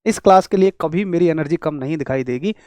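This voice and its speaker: Speaking straight to his students, a man teaches physics online in a lively, talkative way. His fairly high voice carries a rural Hindi accent and the roughness of a sore throat, and he moves at a quick pace with no echo.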